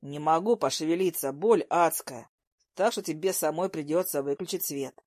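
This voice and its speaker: A woman reading a story voices a blunt, teasing young man in a lowered, slow, sardonic voice. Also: a little mellow, no echo, clean studio sound.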